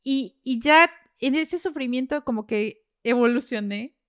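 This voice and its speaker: A woman's voice: high-pitched, unhurried, clean tone. A Mexican woman hosting a podcast, chatting casually with lots of fillers and little laughs. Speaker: podcast host.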